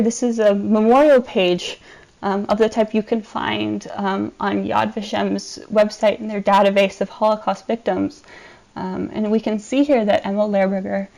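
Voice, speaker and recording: Woman presenter with gravelly creak. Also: mid-range voice, a little mellow, poor audio. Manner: measured, explanatory, with frequent ums. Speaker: archivist presenting a collection. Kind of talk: recorded presentation over slides.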